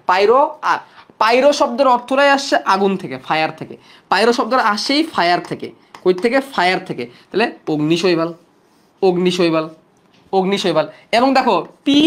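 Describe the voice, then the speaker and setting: A young man from Bangladesh teaching biology for exam coaching, drilling students by asking and answering his own questions. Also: very high-pitched. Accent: Bangladeshi Bengali. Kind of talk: fast-paced exam coaching lecture.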